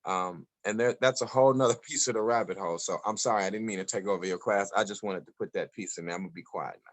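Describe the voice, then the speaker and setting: A man's voice: lowish voice, quick pace. A man speaking emphatically on a group call, repeating phrases as he lectures.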